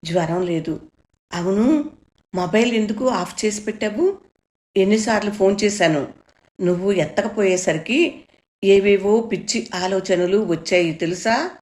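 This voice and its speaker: A woman's voice: medium pitch, a little slow, pauses often, a little mellow, echoey room, lightly acted. A woman voicing an anxious, caring middle-aged mother who fusses over her daughter, raised a little above her own reading voice. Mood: worried. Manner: fretful and fussing, then soothing.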